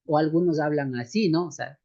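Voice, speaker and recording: A seminary instructor lectures a church class on microphone technique, his medium-pitched, mellow voice moving a little fast through a muffled recording. He often closes phrases with questioning asides to the students and calls them beloved brothers and sisters.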